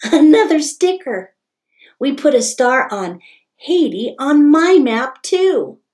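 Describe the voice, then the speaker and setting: A woman voicing a cheerful, warm father in a children's picture book. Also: high-pitched, very animated, slow pace, voice pushed up, full character voice.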